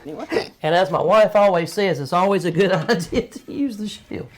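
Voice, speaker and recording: A man's voice: high-pitched, normal speed, a little hiss or hum. A man co-hosting a home cooking video, teasing his wife good-humoredly and reading out the ingredients. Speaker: co-host, husband. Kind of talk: casual cooking chat. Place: home kitchen.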